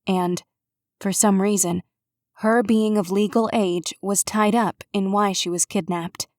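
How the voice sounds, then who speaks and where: Woman narrator, measured cozy-mystery read, dry close studio sound. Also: mid-range voice, steady tone, darkish tone, dry recording. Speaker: audiobook narrator. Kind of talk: scripted narration.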